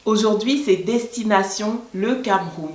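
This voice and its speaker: A woman's voice: medium pitch, unhurried, a little mellow. Chatty West African woman vlogger. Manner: chatty, laughs often. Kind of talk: casual explainer vlog. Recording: echoey room.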